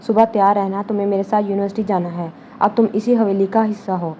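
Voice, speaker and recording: A woman's voice: flat delivery, dark tone, a little hiss or hum, natural voice. A woman reading a brooding, intense young man. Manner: low, halting, intense.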